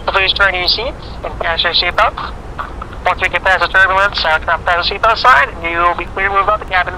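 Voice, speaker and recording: A man improvising a captain's cabin PA announcement, halting and searching for his words. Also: sits high, bright, forceful tone. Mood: mock-official. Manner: halting, fumbling for words, restarts. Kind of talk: mock cabin announcement while gaming. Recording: noisy, off-mic with background hum.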